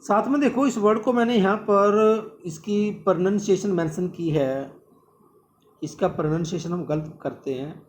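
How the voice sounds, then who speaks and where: High-voiced man teaching vocabulary. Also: moderate pace, a little hiss or hum. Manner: repeats words often and calls the students "my dear". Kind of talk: exam-prep vocabulary lesson.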